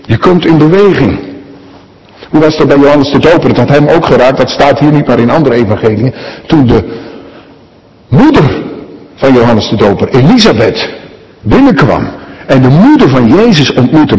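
A man's voice: medium pitch, lively intonation, normal speed, pauses often, a little mellow. A male pastor preaching a sermon in a church, speaking conversationally and often asking the congregation questions. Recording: echoey church hall.

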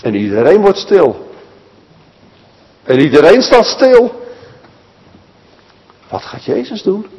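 A male preacher tells a Bible story to children, speaking to them directly. His voice sits fairly high and swings widely in pitch, with a husky edge. A long hall reverb carries his words around the church. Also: wildly swooping pitch, slow pace, long pauses, a little mellow, highs cut off. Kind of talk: children's sermon.

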